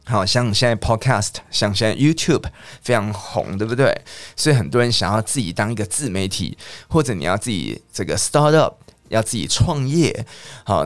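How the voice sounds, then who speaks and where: A man teaching an English lesson, chatty, asking his listeners questions and repeating words slowly. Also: mid-range voice, no echo. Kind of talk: lively lesson.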